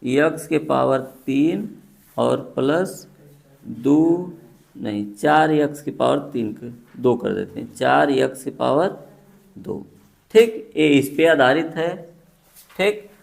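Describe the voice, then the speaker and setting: A man's voice: medium pitch, slow pace, vocal fry. A man teaching a maths class, walking students through each step and checking they follow, in colloquial speech with a few dialect words.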